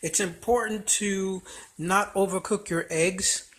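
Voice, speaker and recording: Slow-talking man cooking at home. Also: high voice, steady tone, fairly bright tone. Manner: slow and unhurried, with many fillers and restarts. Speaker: home cook vlogger. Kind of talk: casual cooking demonstration.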